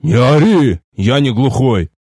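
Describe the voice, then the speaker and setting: A man voicing a gruff middle-aged male army sergeant who barks contemptuous orders, in a storybook reading. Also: medium pitch, animated, a little slow, a little mellow, no echo, clean studio sound. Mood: barking.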